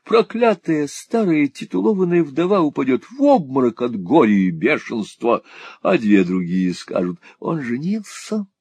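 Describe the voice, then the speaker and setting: A man's voice: medium pitch, very animated, a little slow, darkish tone, husky, dry recording, voice pushed up, heavily acted. A man voicing a foppish, pompous husband who gushes and swears theatrically in an audiobook reading. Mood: swaggering. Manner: gushing, languid, swaggering exclamations.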